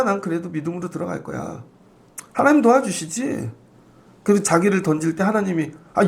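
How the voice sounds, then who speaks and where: A male pastor with a high, gravelly voice preaching a dawn sermon. He talks like everyday conversation and acts out the lines of the people he quotes. He sounds middle-aged. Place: church sanctuary.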